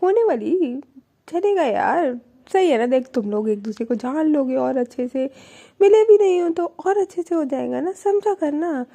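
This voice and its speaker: A woman's voice: sits high, lively intonation, normal speed, vocal fry, mellow. A woman doing a bossy, scolding young friend. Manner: scolding, blunt.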